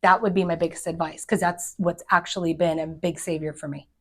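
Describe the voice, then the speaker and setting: Direct, energetic woman with a low voice. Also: fairly quick. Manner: energetic, direct, acts out quoted people. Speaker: commercial real estate agent. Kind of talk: advice talk to fellow agents.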